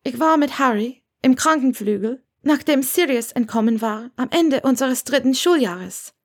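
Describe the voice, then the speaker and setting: A woman voicing a bold, defiant young witch, with a high, bright, teasing delivery. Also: lively intonation, normal speed.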